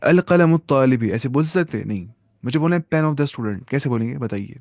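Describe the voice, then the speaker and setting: A man teaching an Arabic grammar lesson, drilling phrases slowly, repeating them and asking the listener questions. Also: mid-range voice, animated, vocal fry, darkish tone, dry recording, studio quality. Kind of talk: grammar lesson, mixing Urdu, Arabic and English.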